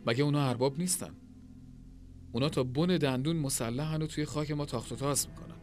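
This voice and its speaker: A man's voice: a little high, darkish tone, soft background music, close to an everyday voice. A man voicing a complaining, money-minded innkeeper who talks defensively. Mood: indignant.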